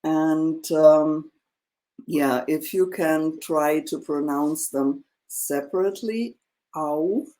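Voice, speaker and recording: A woman teaching a one-on-one language lesson, explaining slowly with many fillers and checking in with "yeah?". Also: sits low, dark tone. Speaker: German teacher.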